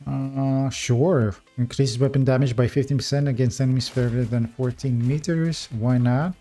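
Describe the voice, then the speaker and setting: With a warm, mid-range voice and a non-native English accent, this man offers casual gameplay commentary, reading upgrade text aloud and chatting with his viewers.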